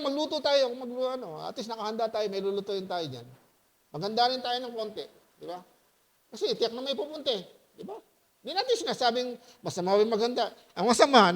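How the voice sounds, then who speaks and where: A man preaching a sermon as pastor in a loose, conversational way, often asking the congregation questions and laughing as he tells stories. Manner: lively, with high-pitched voiced quotes and laughter.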